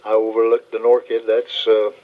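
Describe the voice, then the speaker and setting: A man's voice: lowish voice, completely flat delivery, normal speed. A man announcing an old-time country radio show in a folksy, friendly way, heard from an old reel tape with a wobbly warble. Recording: tinny old reel tape recording with loud guitar. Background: guitar music.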